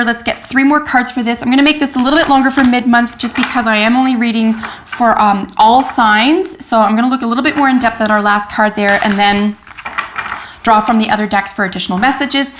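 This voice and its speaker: Tarot reader, woman, slightly high voice, excited and chatty, lots of ums and restarts. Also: slight background noise. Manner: animated, enthusiastic, many fillers and restarts. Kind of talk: general tarot reading to camera.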